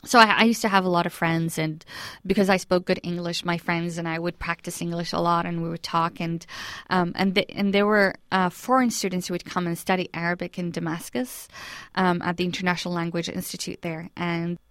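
A woman's voice: fairly low pitch, level tone, a little fast, fairly bright tone, no room sound. Earnest Iraqi woman telling her story. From Iraq. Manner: earnest, reflective, with many restarts and "you know". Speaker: interview guest, refugee. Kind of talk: personal storytelling in an interview.

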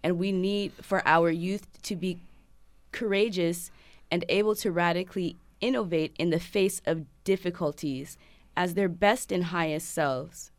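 A woman's voice: lowish voice, steady tone, a little slow, no room sound. A woman teacher talking earnestly and reflectively in a casual conversation. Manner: earnest, reflective, speaks in lists of values. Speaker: teacher guest.

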